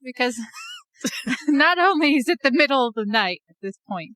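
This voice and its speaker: A woman's voice: high voice, animated, normal speed, a bit bright, no room sound. A woman co-hosting a podcast, answering a spooky scenario with wry, joking pushback. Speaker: podcast co-host. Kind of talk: casual chat.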